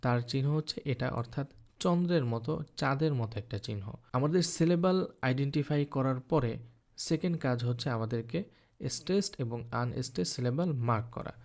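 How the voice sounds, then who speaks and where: A man teaching an online lesson on poetry, patient and step by step, asking questions and answering them himself, and slowing down to sound out words syllable by syllable. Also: mid-range voice, darkish tone. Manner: patient, explains step by step, often asks then answers his own questions. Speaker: English teacher. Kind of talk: online lecture explaining poetry scansion. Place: recording for an online course.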